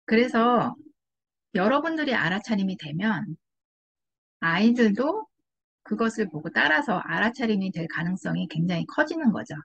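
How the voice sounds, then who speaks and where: A woman giving patient, soothing advice to parents on handling anger, in a calm explanatory tone. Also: mid-range voice, moderate pace, vocal fry. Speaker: parenting educator. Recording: slightly dull lo-fi audio.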